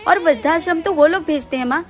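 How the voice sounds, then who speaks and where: A woman playing a caring daughter-in-law, speaking gently and affectionately. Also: extremely high pitch, fast, soft background music.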